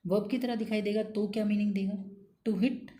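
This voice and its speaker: A woman's voice: medium pitch, little pitch movement, fast talker, dark tone. A woman teaching an English grammar lesson in a patient, coaxing way, repeating key points and checking in with her students after each one.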